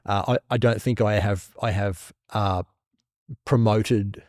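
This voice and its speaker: A man in his forties, a parent of teenagers, talking casually on a podcast in a halting, self-deprecating way with many restarts. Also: on the low side, steady tone, darkish tone, no echo, clean studio sound. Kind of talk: casual conversation.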